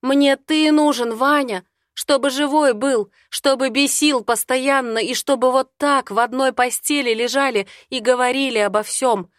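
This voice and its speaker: A woman reading an audiobook, voicing an emotional young woman who pleads loudly through tears. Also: steady tone, moderate pace, no room sound, clean studio sound, natural voice. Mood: tearful. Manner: pleading, high-pitched, loud. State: tearful.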